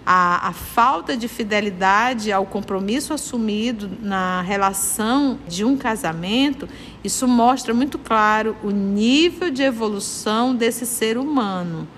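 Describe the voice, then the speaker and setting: Earnest Brazilian study leader from Manaus, high-pitched woman, preaching tone, reverberant room. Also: lively intonation, measured pace, a bit bright, a little hiss or hum. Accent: Brazilian Portuguese, Manaus. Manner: earnest, moralizing, repeats points for emphasis. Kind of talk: spiritist study lecture.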